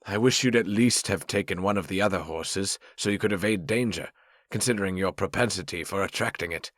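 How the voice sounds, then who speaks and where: Dry-witted old elf rogue, man reading him, low voice, formal and wry. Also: brisk, fairly bright tone, no room sound. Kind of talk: audiobook narration.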